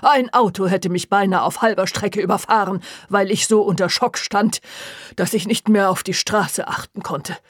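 A woman's voice: medium pitch, steady tone, normal speed, husky, dry recording, studio quality, natural voice. Woman reading a shaken, self-pitying man. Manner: dramatic, self-pitying complaining. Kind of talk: audiobook character voice.

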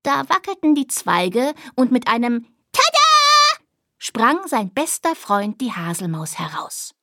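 A woman narrating a children's story with a gentle, deliberate reading manner. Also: on the high side, sing-song, no room sound, studio quality.

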